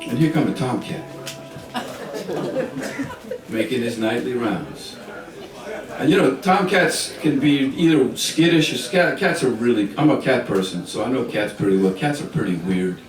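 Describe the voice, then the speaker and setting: A man's voice: medium pitch, lively intonation, moderate pace, pauses often. A man telling a story live, rambling with chuckling asides, in a music store. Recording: roomy store from a distance.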